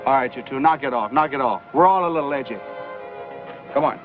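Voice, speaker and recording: A man's voice: medium pitch, a little fast, natural voice. An American actor playing an authoritative frontier lawman giving clipped orders in an old western film. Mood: commanding. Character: commanding frontier lawman leading a posse. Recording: dull old film soundtrack with music.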